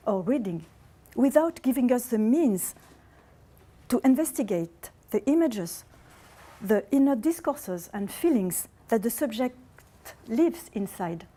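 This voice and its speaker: A woman with a French accent gives an academic lecture, speaking in a measured way with hesitant fillers. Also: a little high, mellow.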